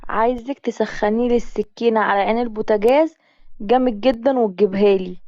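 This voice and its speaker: A woman's voice: a little high, steady tone, fast, warm tone, no room sound, highs cut off, natural voice. A woman with an Egyptian accent voicing a wounded man on the run who pleads urgently for help. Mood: urgent pleading. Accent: Egyptian Arabic.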